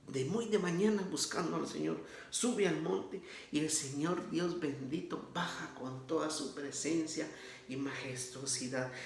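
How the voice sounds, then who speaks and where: A man's voice: a little high, gravelly, reverberant, slight background noise. A man giving an informal sermon on scripture readings, speaking earnestly and directly to the listener as a brother, with frequent restarts. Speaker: preacher.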